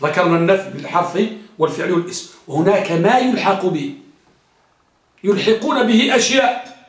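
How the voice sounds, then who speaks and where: Man teaching grammar in a classroom, very high and bright voice with roomy echo; repeats examples and keeps quizzing his students. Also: brisk.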